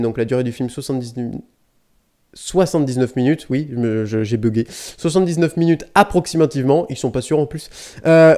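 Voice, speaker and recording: A man's voice: fairly high pitch, warm tone. A man hosting a casual unboxing vlog, rambling and chatty, swearing lightly and often correcting himself as he talks into a close desk mic. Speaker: YouTube DVD collector host.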